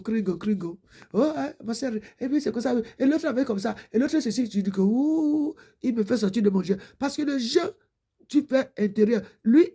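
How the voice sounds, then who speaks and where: A woman's voice: a little high, dark tone, breathy edge. A woman preacher giving a fervent exhortation and prayer, repeating her pleading prayer lines.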